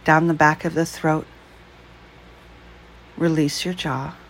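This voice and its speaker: A woman leading a guided breath meditation, speaking slowly, calmly and softly. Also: sits low, poor audio. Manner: slow, calm, soft-spoken.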